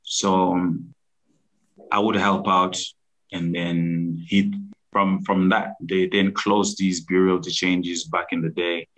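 A man in his thirties from Zimbabwe, a business founder telling his story over a video call in a halting, restarting way. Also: low voice, little pitch movement, a bit bright, a little hiss or hum, rough recording. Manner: halting, many restarts and fillers. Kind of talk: casual interview storytelling. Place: room at home, indoors.

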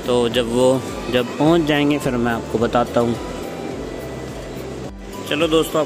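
A man's voice: mid-range voice, rough recording. A young man casually vlogging a walk through a shopping mall, talking straight to his viewers on a phone held at arm's length. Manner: chatty, addresses viewers directly. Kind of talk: casual walking-tour vlog. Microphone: phone front camera at arm's length.

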